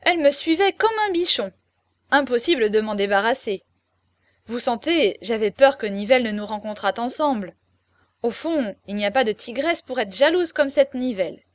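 A plump little financier bragging about his conquests in a chatty, self-satisfied way, as a woman reads him in a fairly high voice. The recording is dry and close. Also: lively intonation, moderate pace, dry recording, close to an everyday voice. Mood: boastful. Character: chubby little male financier, boastful gossip.

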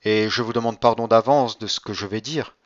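A man's voice: fairly low pitch, fairly even intonation, brisk, no echo, dull audio, lightly acted. A man reading a cunning, courteous count. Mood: composed. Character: calm, cunning nobleman count. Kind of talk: audiobook reading.

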